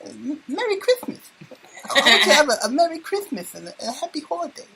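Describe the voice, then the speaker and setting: A squeaky high boxer impression. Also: male voice, sing-song, a little fast, gravelly, sharp tone, full character voice, low-quality recording. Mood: festive. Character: famous boxer's high lisping voice, male.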